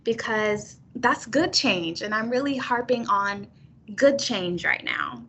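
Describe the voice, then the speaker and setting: A young woman speaking as an interview guest, upbeat and expressive, laughing often as she talks. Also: a little high, slow pace, a little hiss or hum, low-quality recording. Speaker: guest, university staff member and new lecturer. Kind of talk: conversational interview.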